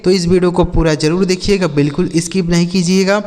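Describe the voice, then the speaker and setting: A man's voice: high-pitched, steady tone, brisk, darkish tone, in a large hall. A man teaching English pronunciation in Hindi, patiently going step by step and asking himself questions that he then answers. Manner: repeats rhetorical questions and answers them himself; addresses viewers as friends, patient step-by-step explaining. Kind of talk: Hindi-language pronunciation lesson.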